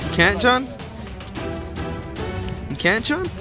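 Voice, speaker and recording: A man's voice: very high-pitched, big pitch swings, slow pace, over music. A young man chatting casually while filming his friends. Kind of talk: casual chat.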